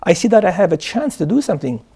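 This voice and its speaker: A man's voice: high-pitched, very animated, fast, vocal fry, dark tone, slightly rough. A man from Morocco, a guest answering interview questions in an earnest way, often repeating words as he starts sentences. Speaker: guest, charity founder. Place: studio.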